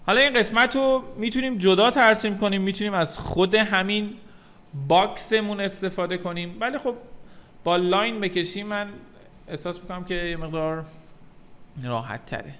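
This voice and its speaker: Bright-voiced man teaching software. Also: high-pitched. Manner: calm step-by-step explaining, addresses viewers as kids. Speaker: 3D modeling tutor. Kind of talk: software tutorial narration.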